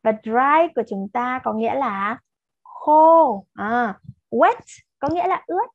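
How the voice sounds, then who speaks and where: Vietnamese-accented woman doing kids english drills, kinda high voice, dry close mic. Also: expressive, slow pace, dry recording, dull audio. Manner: patient, mixes Vietnamese explanations with English drill words. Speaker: English teacher for children. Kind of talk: slow lesson with repeated pronunciation drills.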